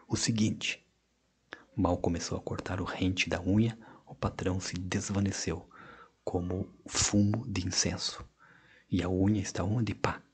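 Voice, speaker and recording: A man narrating an audiobook of short stories in a measured, expressive reading with hushed passages. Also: low-pitched. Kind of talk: scripted narration.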